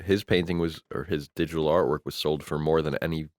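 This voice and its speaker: A man's voice: rumbling low, fairly even intonation, fairly quick, a little mellow, no room sound, clean studio sound. A young man co-hosting a podcast, chatting bluntly and firing off questions. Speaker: podcast co-host. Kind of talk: casual chat.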